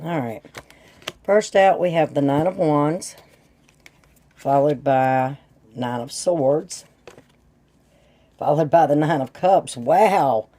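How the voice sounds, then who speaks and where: A woman's voice: low voice, slow pace, long pauses, dark tone. A woman with a congested, sore-throat voice that breaks up here and there, chatting casually and folksily to viewers as she gives a tarot reading. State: sore throat with sinus drainage, voice slightly off and breaking up. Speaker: tarot reader and channel host.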